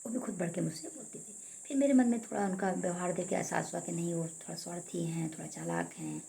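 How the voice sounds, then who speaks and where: A woman schoolteacher sharing a personal spiritual reflection in an earnest, halting way, often restarting and correcting herself. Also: fairly low pitch, steady tone, creaky, mellow.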